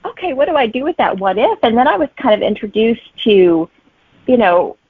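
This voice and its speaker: Her voice is a little high, sing-song and husky, and she talks a little fast with no echo. She's a middle-aged woman and romantic suspense author, a guest in an interview who tells stories and thinks out loud. The sound is thin and band-limited, much like a phone line.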